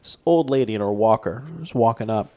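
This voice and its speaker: A man's voice: on the low side, expressive, a little fast, warm tone. A young man co-hosting a casual podcast, telling a story at an easy pace and laughing often. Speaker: podcast co-host. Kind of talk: casual chat.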